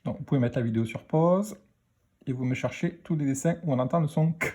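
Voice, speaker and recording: A man teaching a phonics lesson to children, speaking slowly and deliberately as he spells out letters and sounds. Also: mid-range voice, darkish tone.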